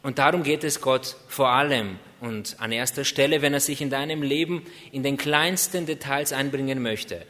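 A man's voice: mid-range voice, normal speed, hardly any pauses, a bit bright, in a large hall. A man preaching a sermon, earnest, asking rhetorical questions and drawing out key words.

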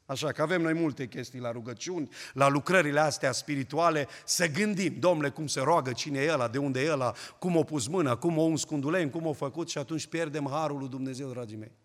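A male pastor delivers a fervent sermon, his voice rising loud and then dropping to a hush. He sits a bit high in pitch. A long reverb trails behind him in a church hall. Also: few pauses. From Romania. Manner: fervent preaching, swinging between loud and hushed.

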